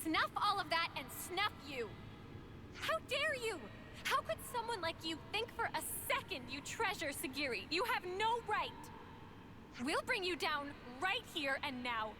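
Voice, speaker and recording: A woman's voice: very high-pitched, very animated, measured pace, background noise, exaggerated voice. A woman voicing a fiery, defiant young girl fighter in a video game, with impassioned delivery. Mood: furious. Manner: impassioned, outraged shouting.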